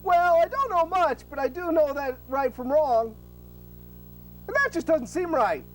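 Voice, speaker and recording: A woman's voice: high-pitched, animated, a little slow, a little hiss or hum, rough recording. A woman playing a naive, scatterbrained but good-hearted male hero in a comedy audio drama, dopey and earnest.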